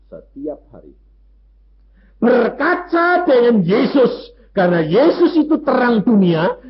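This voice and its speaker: A man preaching a sermon, telling stories lively and acting out the voices of people in them. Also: sits high, a little hiss or hum. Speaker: pastor. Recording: muffled lo-fi recording.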